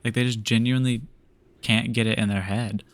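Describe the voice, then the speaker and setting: A man's voice: mid-range voice, fairly even intonation, fairly quick. A young man streaming a game, chatting casually with viewers in a laid-back, rambling way full of fillers and restarts. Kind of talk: casual chat while gaming.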